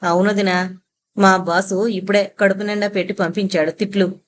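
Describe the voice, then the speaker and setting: A woman's voice: mid-range voice, little pitch movement, normal speed, slight background noise, natural voice. A woman voicing a cheerful, jokey young man who jokes and pleads. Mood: joking. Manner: joking, pleading.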